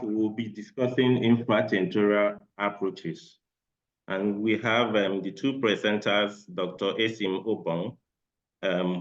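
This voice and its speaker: Nigerian guy moderating an online webinar, lowish voice, dull lo-fi call audio, lots of ums. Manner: hesitant, many "um" fillers.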